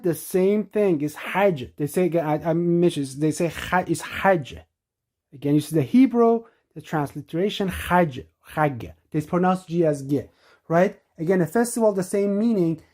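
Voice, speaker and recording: Lady walking thru words on screen, mellow low-key voice, keeps repeating herself. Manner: repeats and restarts while pointing out words. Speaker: presenter. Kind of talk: explaining scripture on screen.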